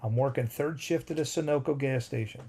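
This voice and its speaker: Gravelly rambling man in his fifties. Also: medium pitch, brisk, warm tone. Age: 50s. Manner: rambling, breaks off to greet chat viewers. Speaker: livestream host. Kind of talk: casual livestream storytelling. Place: home.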